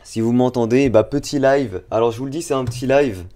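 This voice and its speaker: A man's voice: medium pitch, fairly quick, dark tone. A young man, chatting casually to viewers on a live stream while unboxing. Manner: chatty, talks to chat directly. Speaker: drawing streamer.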